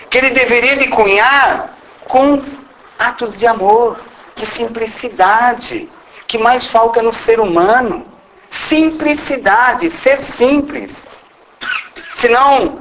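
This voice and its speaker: Man delivering a channeled spiritist lecture in a meeting room, bright and sharp voice, full of rhetorical questions. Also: very high voice, slight background noise, rough recording. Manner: rhetorical questions, frequent tag questions; speaks as a disembodied spirit guide. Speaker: spiritist medium giving a talk.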